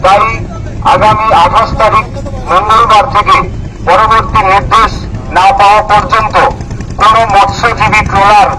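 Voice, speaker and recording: A man giving a formal, measured police warning announcement over an outdoor public address system, instructing listeners. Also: high-pitched, little pitch movement. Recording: noisy outdoor street recording with vehicle sounds.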